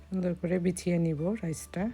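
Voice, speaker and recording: A hoarse woman from Bangladesh gives calm step-by-step recipe narration as a cooking vlogger. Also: lowish voice, fairly quick, soft background music.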